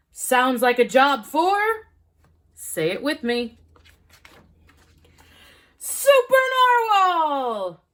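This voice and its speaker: A woman hosting a children's storytime, reading a picture book aloud in a bright, sing-song manner. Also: on the high side. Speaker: storytime host.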